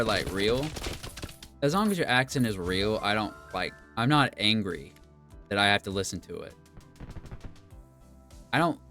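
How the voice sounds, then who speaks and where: Rambling low-voiced man over game music. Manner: rambling, musing aloud in a relaxed offhand way. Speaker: gaming video creator. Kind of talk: casual gameplay commentary.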